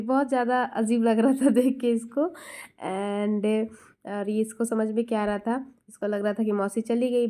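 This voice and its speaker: A woman's voice: medium pitch, mellow. A young woman narrating a voice-over for her family vlog, chatty and explaining to viewers. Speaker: vlogger narrating her video.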